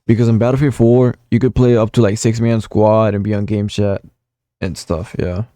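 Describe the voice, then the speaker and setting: Looking back through old console messages, a nineteen-year-old gaming vlogger rambles in a casual, reminiscing way, full of fillers and dropping the odd swear. He speaks at a normal pace in a lowish, dark-toned, level voice, and there's no echo.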